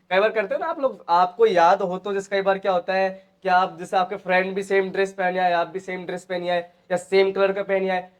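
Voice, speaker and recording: An Indian man teaching English phrases, repeating each one and quizzing his students. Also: high voice. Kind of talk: spoken English lesson in Hindi.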